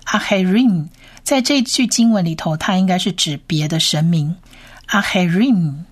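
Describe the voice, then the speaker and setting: Slow, patient woman teaching Hebrew. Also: lowish voice. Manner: patient, spells out sounds and repeats each word. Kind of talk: slow reading lesson with repetition.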